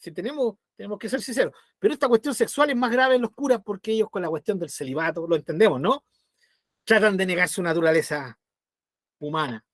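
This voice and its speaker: A man's voice: high voice, a little fast, no room sound, studio quality. A man with a Chilean accent teaching a Bible study in a conversational way, often checking in with his listeners and acting out little voices. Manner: animated, acts out voices.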